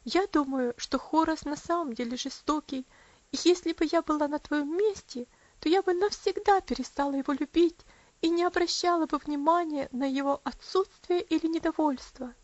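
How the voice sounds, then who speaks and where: A woman's voice: high-pitched, normal speed, dry recording, muffled recording, pitched above the performer's own voice, close to an everyday voice. A woman reader voicing a passionate young aunt, impassioned and grief-stricken at times, tender at others. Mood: gentle. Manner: impassioned outbursts.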